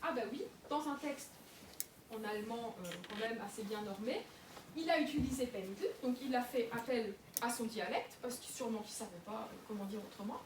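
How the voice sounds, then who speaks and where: A woman's voice: fairly high pitch, moderate pace. A young woman giving a public lecture in a museum, talking with many fillers and restarts. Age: young adult. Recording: echoey room, mic far off, noisy.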